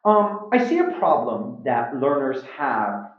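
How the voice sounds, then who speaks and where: In a small room at home, a middle-aged Iranian man gives an informal slang lesson to camera as an English teacher and video host. He is animated and emphatic, acting out examples in a mid-range voice and taking it slowly. The sound is roomy and slightly dull.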